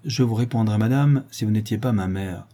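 A man's voice: fairly low pitch, brisk, warm tone, lightly acted. A man reading an audiobook, voicing a young nobleman who answers his mother in a cold, restrained and solemn way. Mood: stern. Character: grave, stern young nobleman, a shamed son.

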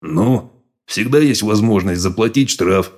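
Brief: growling mutant sage, low, calm, read by a man. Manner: calm, unhurried. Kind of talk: audiobook character voice.

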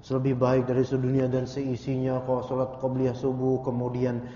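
An eager young worshipper gushes with excitement, as a male teacher puts him on in the middle of a lecture. The voice is warm and mellow, and it sounds dull and lo-fi in a reverberant hall. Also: mid-range voice, normal speed, slight background noise, close to an everyday voice. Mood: gushing. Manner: excited, gushing. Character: eager male congregant, thrilled about dawn prayer.

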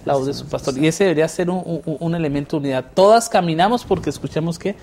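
A man hosting a relaxed Bible lesson discussion, chatting and asking leading questions. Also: on the high side, fast, creaky, a little hiss or hum. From not from Mexico. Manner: conversational, asks leading questions. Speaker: host.

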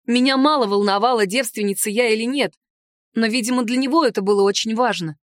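A woman giving expressive first-person narration of a novel as an audiobook reader. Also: on the high side, quick pace, no echo, clean studio sound.

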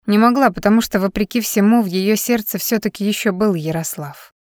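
Woman calmly narrating an audiobook. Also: medium pitch, fairly quick, no echo, studio quality. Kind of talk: scripted narration.

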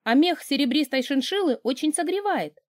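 Voiced by a woman, a scared young shop assistant rattling off a memorized pitch in a raised, nervous voice. Her delivery swings widely in pitch. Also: lively intonation, a little fast, dry recording. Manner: rote, nervous sales patter. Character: frightened young shop saleswoman reciting a pitch.

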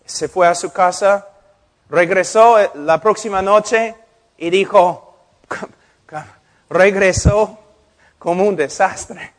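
A middle-aged male pastor delivers an impassioned sermon in a notably high voice. He takes his time, speaking slowly and deliberately, and slips into changing voices as he acts out conversations.

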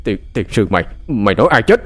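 A man voicing a bad-tempered, domineering old man who curses and shouts. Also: lowish voice, sing-song, quick pace. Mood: angry. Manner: shouting, cursing.

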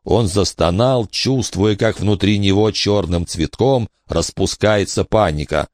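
A man's voice: on the low side, unhurried, a little mellow, no room sound, studio quality. A man reading a horror audiobook as narrator, telling the story expressively.

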